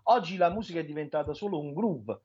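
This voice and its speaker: A man's voice: a little high, lively intonation, quick pace, dull audio, background noise. A man in his forties with a Neapolitan accent, chatting colloquially and telling rambling stories as a radio guest on a remote line. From Naples, Italy. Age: 40s. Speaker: singer-songwriter, radio guest. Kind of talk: casual radio interview. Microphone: remote line into radio show.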